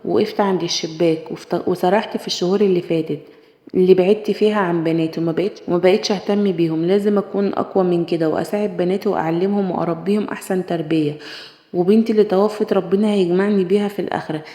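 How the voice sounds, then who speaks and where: A woman's voice: on the low side, steady tone, very fast, mellow. Egyptian-accented female narrator, sorrowful first-person story; long reverb. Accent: Egyptian Arabic. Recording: echoey room with long reverb.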